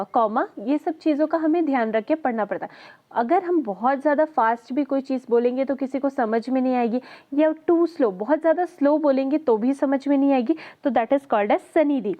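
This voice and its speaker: A woman teaching an Ayurveda lesson, explaining terms in Hindi mixed with English and reading definitions slowly. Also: high-pitched. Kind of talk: explaining lecture. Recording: dull lo-fi audio.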